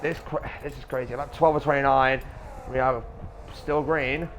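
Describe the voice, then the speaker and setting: A man doing live motor racing commentary as an informal race caller, chatty between moments of action and rising excitedly with it. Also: mid-range voice, normal speed. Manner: informal, chatty streamer-like asides. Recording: noisy audio with vehicle sounds.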